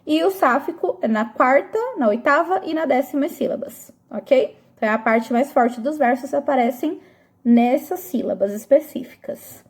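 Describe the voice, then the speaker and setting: In a recorded classroom review lesson, a woman teacher patiently goes over material with eighth graders and often pauses to make sure they're following. Her voice is high-pitched and animated, at a normal pace.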